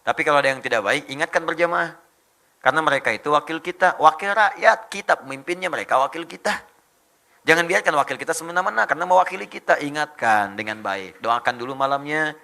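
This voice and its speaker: Male preacher with a sharp, piercing edge and a raised pitch, delivering a rousing, joking sermon. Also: expressive, fast, creaky. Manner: rousing, joking preacher swinging from soft to loud. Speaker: Islamic preacher.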